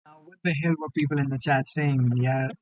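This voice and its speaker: A man, hosting a casual interview over a video call, slangy and quick to laugh. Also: medium pitch, steady tone, a little mellow, no room sound, rough recording. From India. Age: 20s. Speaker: host.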